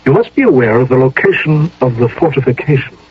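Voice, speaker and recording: An actor playing a stern, commanding American general in a radio drama, speaking with formal authority and a husky voice. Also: male voice, medium pitch, lively intonation, fast. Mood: probing. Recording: dull old radio broadcast recording.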